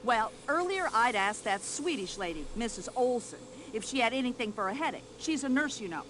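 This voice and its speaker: An actress voicing an older American widow in a video game, brash, nosy and quick to complain. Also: female voice, fairly high pitch, animated, slight background noise. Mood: gossipy. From United States. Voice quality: loud, sharp-tongued and complaining.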